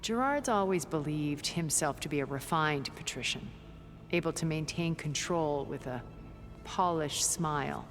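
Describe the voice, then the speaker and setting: Soft music plays behind an actress's low-pitched performance as a rich, cultured immortal woman in a video game. Her speech is eloquent, measured, and theatrical, carrying a quiet, coolly disdainful scorn.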